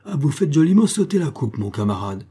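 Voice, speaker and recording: A sarcastic, self-satisfied police detective, read by a man in an audiobook, his voice husky and dark. He talks down with mocking assurance and lifts his pitch to jeer. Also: very animated, a little fast. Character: sarcastic, boastful middle-aged male police detective.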